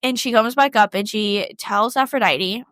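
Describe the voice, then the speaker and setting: A woman's voice: medium pitch, moderate pace, a bit bright, no room sound. A young woman co-hosting a podcast, retelling a myth in a chatty, slangy way with lots of "like". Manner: slangy, chatty, heavy use of "like". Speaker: podcast co-host. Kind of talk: casual storytelling.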